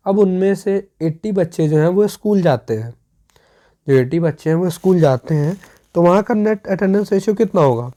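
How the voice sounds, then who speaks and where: A teacher giving a step-by-step exam revision lesson. The teacher often pauses to check that students follow. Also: medium pitch, animated, warm tone. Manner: explains step by step with many checks for understanding.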